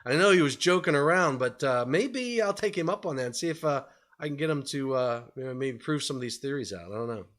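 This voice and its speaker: A man's voice: mid-range voice, animated, a little fast, few pauses, fairly bright tone. A man in his fifties giving a conversational webinar presentation over a video call from a home study, with many fillers.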